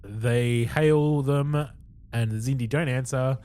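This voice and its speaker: A man's voice: mid-range voice, takes it slowly, mellow. Australian man casually recapping an episode. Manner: rambling plot retelling with fillers and chuckles. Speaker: podcast co-host.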